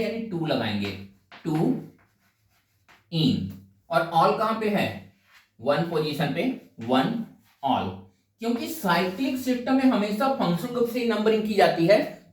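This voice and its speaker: A man teaching a chemistry lesson, asking questions and answering them himself and slowing down to spell out names term by term. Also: fairly high pitch, reverberant, far from the mic. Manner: asks questions then answers them, mixes in English phrases. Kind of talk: explaining a lesson.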